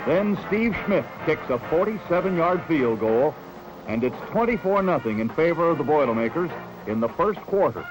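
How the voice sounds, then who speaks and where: A man reads a 1970s newsreel in a crisp, upbeat announcer style. His voice sits a little high for a man. A music bed plays clearly beneath him. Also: big pitch swings, moderate pace, poor audio. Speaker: newsreel narrator.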